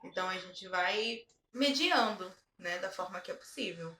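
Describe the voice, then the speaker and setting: A woman, a therapist and mother, calmly explaining as a guest in a casual conversation. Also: medium pitch, normal speed, a little hiss or hum. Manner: calm, explanatory, laughs at anecdotes. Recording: echoey room, distant mic.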